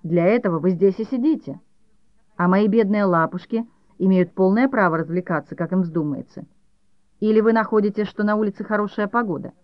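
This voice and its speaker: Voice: mid-range voice, a little fast, no room sound, lightly acted. Clingy, gushing audiobook mother done by the reader, slightly raised voice, dry lo-fi sound. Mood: pleading. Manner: gushing, pleading, theatrical. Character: doting, clingy mother of young sons. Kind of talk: audiobook character voice.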